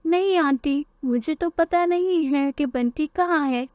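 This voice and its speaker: A woman's voice: high voice, a little slow, a little mellow, dry recording, pitched above the performer's own voice. A woman voicing a playful young boy bird in a cartoon who talks in a fidgety, fibbing way. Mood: nervous.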